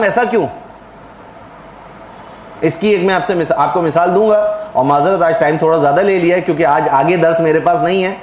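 A man's voice: high voice, roomy sound, slight background noise, low-quality recording. A man giving a religious lecture in a sermon style, explaining at length and putting questions to the audience before answering them himself.

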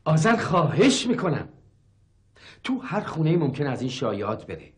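A man's voice: a little high, big pitch swings. An actor playing an irritable, skeptical middle-aged professor and father, exasperated and dismissive in a sitcom. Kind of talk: TV sitcom acting.

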